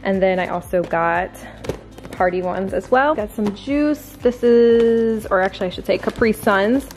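A chatty woman in her thirties with a mid-range voice talks casually and warmly to her viewers, walking through her groceries item by item. She speaks into a camera mic in a big home kitchen, with faint music playing underneath. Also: mid-range voice, unhurried. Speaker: family vlogger. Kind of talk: casual grocery haul chat. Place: large home kitchen, indoors.

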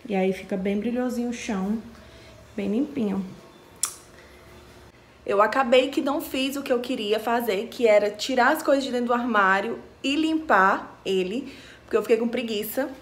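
A young adult vlogger talks casually to her viewers, her voice fairly high and her pace moderate. She's filming handheld at arm's length in her kitchen and living room.

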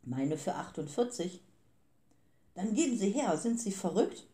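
A woman's voice: lowish voice, expressive, normal speed, warm tone, close to an everyday voice. A woman reading the lines of cold, businesslike grey men who steal time, in a clipped, formal manner. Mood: panicked. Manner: clipped and formal, turning panicked.

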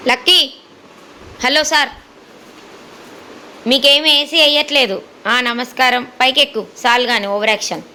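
Woman, high bright voice, slow playful baby talk to her pets. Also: fairly even intonation, a little hiss or hum, rough recording. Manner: playful, teasing, sing-song coaxing. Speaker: dog owner vlogger. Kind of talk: baby-talking to her dogs.

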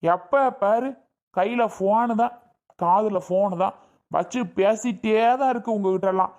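A woman's voice: medium pitch, unhurried, darkish tone, muffled recording, lightly acted. A woman playing an irritable young husband, complaining, ranting, family skit. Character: grumpy hungry young husband.

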